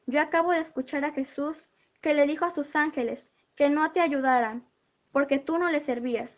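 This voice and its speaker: A woman's voice: high-pitched, moderate pace, lo-fi sound. A woman giving an earnest spoken testimony in church, retelling a vision and quoting what each figure said to her.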